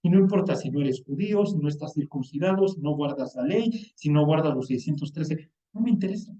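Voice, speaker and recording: A man with a Mexican accent preaching a sermon in a colloquial, animated way, acting out the quoted lines. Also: a little high, a little fast. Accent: Mexican Spanish. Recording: echoey, distant, dull lo-fi sound.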